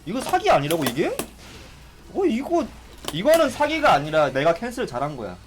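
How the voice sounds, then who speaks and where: A man giving excitable live commentary on a fighting game, exclaiming and complaining as he plays. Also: sits high, normal speed, noisy background. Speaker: gaming streamer.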